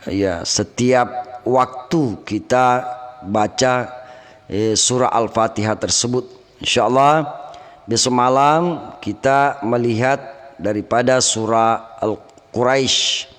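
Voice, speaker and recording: A man teaching Quran recitation rules, chanting verses slowly and melodically between plain explanations. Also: medium pitch, in a large hall. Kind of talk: tajwid lesson with chanted recitation.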